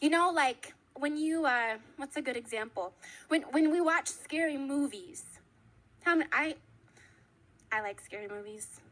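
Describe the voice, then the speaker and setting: Young female preacher, high and bright tone, conversational sermon with fervent build-ups. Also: expressive, moderate pace, poor audio. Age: young adult. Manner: conversational, builds to impassioned repeated phrases. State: out of breath. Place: church.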